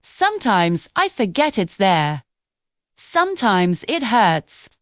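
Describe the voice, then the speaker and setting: A woman voicing a calm, wise old male rancher who speaks slowly and gently. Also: medium pitch, no echo. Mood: gentle counsel. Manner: slow, gentle, measured counsel.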